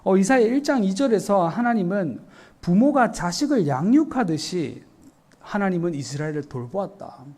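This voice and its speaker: A male pastor giving an earnest, explanatory evening sermon, often pausing with short fillers. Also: high voice, big pitch swings, a little mellow. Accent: Korean.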